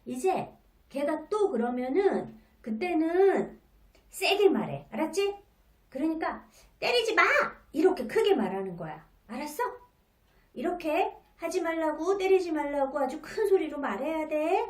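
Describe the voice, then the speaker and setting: An exasperated mother scolding her child, voice climbing high and sharp with reproach, as a woman puts her on. She sounds roomy and a little off-mic. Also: very animated, measured pace. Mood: insistent. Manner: loud, reproachful, rising. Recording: roomy, from a distance.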